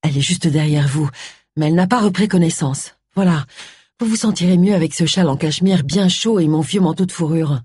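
A woman voicing a caring, brisk village woman in an audiobook. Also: low voice, mellow, slightly rough, dry recording, clean studio sound.

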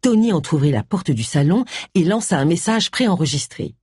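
A man's voice: fairly high pitch, sing-song, fairly quick, darkish tone, slightly rough, no echo, studio quality. A man narrating an audiobook expressively, voicing all the parts himself. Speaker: audiobook reader.

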